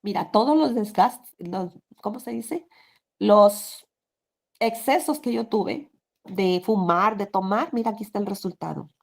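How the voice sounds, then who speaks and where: A woman's voice: mid-range voice, measured pace, creaky. A woman reenacting the pleading words of her dying older husband in an interview.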